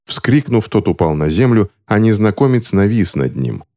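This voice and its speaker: A man narrating a story in an expressive, scripted reading. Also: fairly low pitch, moderate pace.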